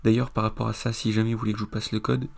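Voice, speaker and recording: A man explaining a trading chart in a screen-recorded tutorial, rambling with many fillers, his voice a little hoarse. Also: fairly low pitch, flat delivery, racing, a little mellow. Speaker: trading video host.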